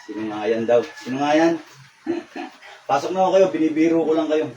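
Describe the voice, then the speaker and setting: A man leading a faith healing session, reciting rapid Latin prayers and giving short, repeated commands. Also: on the high side, lively intonation, mellow, muffled recording, a little hiss or hum. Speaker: faith healer.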